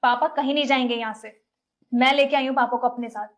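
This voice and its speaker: A woman's voice: high voice, fairly even intonation, fast, natural voice. An actress playing a defiant young wife who scolds her husband indignantly.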